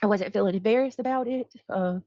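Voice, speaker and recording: A woman's voice: mid-range voice, fast, mellow, no echo. An overwhelmed, upset woman chatting casually and confessionally on a live stream, with a stuffed-up nose. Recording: slightly dull, dry audio.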